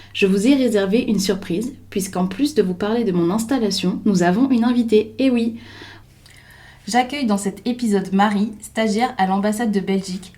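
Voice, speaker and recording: A young woman hosts a podcast in a mellow, warm voice. She talks softly, pausing often and circling back with small fillers as she tells her story. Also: mid-range voice. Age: young adult. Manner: soft, hesitant with many fillers. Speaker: podcast host. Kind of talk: scripted intro then casual chat.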